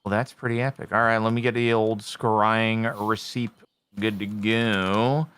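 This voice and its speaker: A man's voice: lowish voice, level tone, measured pace, fairly bright tone, smooth. A man giving casual game commentary, thinking aloud as he plays. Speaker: gaming streamer.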